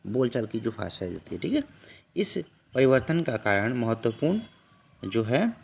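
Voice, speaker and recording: A male tutor reads exam questions aloud and explains each answer, a voice that rises and falls a great deal. He puts a question to his students, answers it himself, and keeps checking that they are following. Mid-range in pitch and conversational. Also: big pitch swings, moderate pace, vocal fry, slightly rough. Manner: repeats "theek hai" constantly, asks and answers own questions. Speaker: online tutor.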